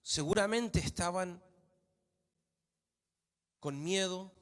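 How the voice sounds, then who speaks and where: A man's voice: high voice, slow pace, fairly bright tone. A man preaching a sermon in a church hall, emphatic, repeating phrases for stress. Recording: long hall reverb.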